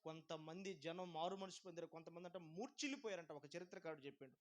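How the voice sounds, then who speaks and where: A man preaching as a pastor, building shouted repetitions and calling the congregation to praise. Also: a little high, fast. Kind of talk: sermon.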